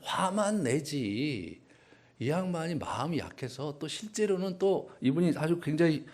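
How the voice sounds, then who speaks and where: A man's voice: a little high, expressive, unhurried, darkish tone. A male pastor preaching a sermon in a conversational, humorous way, often acting out voices.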